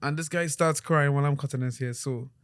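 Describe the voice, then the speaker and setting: Lively man telling stories. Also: fairly high pitch, a little fast, clean tone. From Trinidad. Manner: animated storyteller, laughs often, many restarts. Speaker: podcast host. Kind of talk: casual podcast chat.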